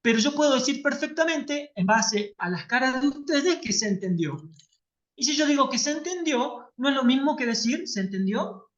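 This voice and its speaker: A woman's voice: sits high, lively intonation, normal speed. Lady teacher on a video call, explaining stuff and checking in a lot, kinda muffled audio. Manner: explanatory, checks in with students often. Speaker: workshop teacher. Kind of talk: online class lecture.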